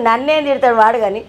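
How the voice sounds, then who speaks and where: An older woman with a Telangana Telugu accent answers questions in a quick, playful way. Her voice sits high, and she often slips into old folk songs between her answers. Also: a little hiss or hum. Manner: rapid, playful, breaks into folk song. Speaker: interviewee. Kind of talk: casual interview with singing.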